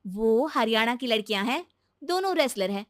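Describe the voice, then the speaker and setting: A woman voicing an earnest, encouraging young daughter-in-law who reasons gently in a cartoon moral story. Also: on the high side, lively intonation, normal speed, no room sound, clean studio sound, natural voice. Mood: earnest, persuasive.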